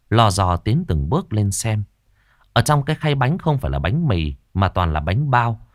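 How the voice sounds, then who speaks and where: A man narrating a horror story with suspenseful, expressive delivery. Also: on the low side, no room sound, clean studio sound. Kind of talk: dramatic horror story reading.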